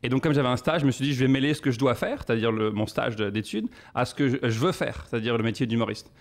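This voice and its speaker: A man in his thirties from France with a French accent, a comedian answering questions on a podcast with animated storytelling. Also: medium pitch, fast talker, creaky. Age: 30s. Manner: animated storytelling with quoted asides. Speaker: guest comedian.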